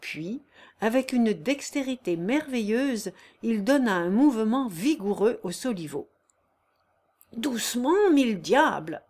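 Reading from a classic novel, this female audiobook narrator keeps her delivery steady and even, her pitch sitting fairly high.

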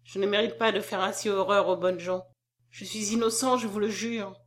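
A woman reading a story aloud, voicing a weary, wrongly accused peddler who speaks softly and with resignation. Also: medium pitch, a little fast, lightly acted. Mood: resigned. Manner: soft, resigned and subdued. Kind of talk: audiobook character reading.

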